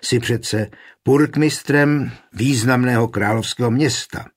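A man reading an audiobook, voicing a greedy, hot-tempered young knight who shouts and threatens. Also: mid-range voice, breathy edge, natural voice. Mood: hasty. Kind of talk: audiobook character voice.

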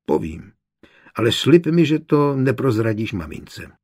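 A man voicing a shy, cautious little boy in an audiobook, speaking earnestly and in a slightly husky voice. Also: mid-range voice, sing-song, a little mellow.

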